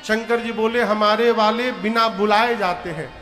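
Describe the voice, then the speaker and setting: Brief: male katha storyteller, high bright voice, slow and dramatic, echoey hall with music under him. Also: steady tone. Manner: dramatic, voices characters, breaks into chant. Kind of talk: devotional story sermon with singing.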